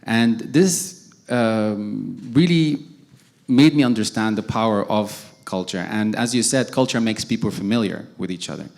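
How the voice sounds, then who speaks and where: A man's voice: lowish voice, unhurried, vocal fry, a little mellow. A young man from Sudan, a cartoonist speaking as a guest on a forum panel, hesitant with many restarts. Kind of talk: panel discussion answer.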